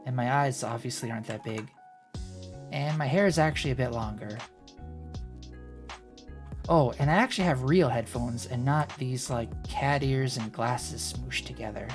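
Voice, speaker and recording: A woman with a deep, low-set voice streams live and chats in a loose, rambling way. She thinks aloud between fillers. Soft music plays quietly behind her. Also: normal speed. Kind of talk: casual live-stream chat. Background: faint background music.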